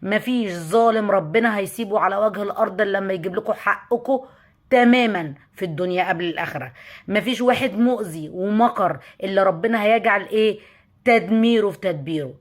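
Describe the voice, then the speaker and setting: A woman's voice: medium pitch, quick pace. Earnest Egyptian woman giving faith testimony. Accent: Egyptian Arabic. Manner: earnest, addresses the audience directly, recites verses. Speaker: religious motivational speaker. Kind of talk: personal testimony with faith advice.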